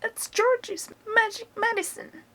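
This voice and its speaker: A woman voicing a boastful old grandmother who shouts in a high, shrill, cackling voice. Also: takes it slowly, exaggerated voice. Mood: gloating.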